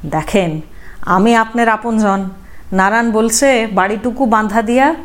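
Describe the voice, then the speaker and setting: A woman reading a soft-spoken, resolute widow. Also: fairly high pitch. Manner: soft but firm, clear diction. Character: widowed working woman, firm and quiet.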